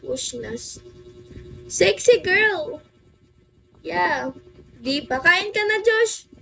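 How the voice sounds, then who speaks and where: High-voiced Filipina livestreamer over music. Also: female voice, expressive, very slow, gravelly, sharp tone. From Philippines. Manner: chatty, greets and thanks viewers by name. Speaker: livestream host. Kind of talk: casual livestream chat.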